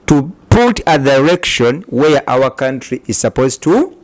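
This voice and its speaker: A man's voice: mid-range voice, big pitch swings. Earnest male talk show host. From Uganda. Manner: measured, earnest, with frequent murmured "mm" acknowledgements. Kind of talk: interview and closing remarks.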